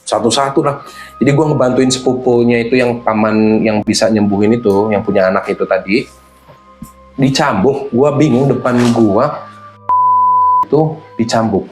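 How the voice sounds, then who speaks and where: A man's voice: mid-range voice, normal speed, pauses often, over music. A man, animatedly telling a true horror story in casual slang. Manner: animated, slangy, acts out voices. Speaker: guest storyteller.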